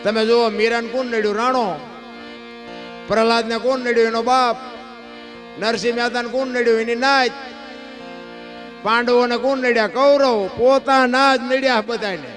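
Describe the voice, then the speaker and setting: High-voiced folk storyteller man. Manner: rhetorical questions, swings between loud and hushed. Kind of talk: devotional folk discourse.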